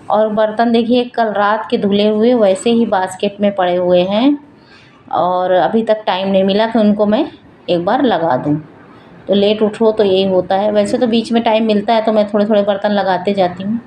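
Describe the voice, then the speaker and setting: A woman's voice: medium pitch, darkish tone, slight background noise, rough recording. A middle-aged woman and mother narrating her home routine and cooking in a chatty, homely running commentary for her vlog, recorded at home in her kitchen.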